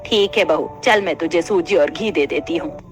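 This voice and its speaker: A woman voicing a stingy older mother-in-law in an animated family story, bossy and scolding. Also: fairly low pitch, moderate pace, lightly acted. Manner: scolding, penny-pinching.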